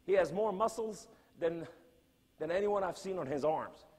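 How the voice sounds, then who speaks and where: Passionate male preacher, slightly high and husky, echoing conference hall. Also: lively intonation, normal speed. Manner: swings from hushed to loud, dramatic. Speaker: guest speaker. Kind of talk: impassioned sermon. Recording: long hall reverb.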